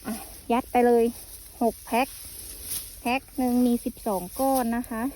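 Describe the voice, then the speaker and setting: High-voiced woman farmer chatting outdoors. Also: level tone, measured pace, warm tone, slight background noise. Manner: chatty, exclaims over the harvest, explains tips. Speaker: mushroom farmer vlogger. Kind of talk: casual farm vlog talk. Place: outdoor mushroom beds in hot sun.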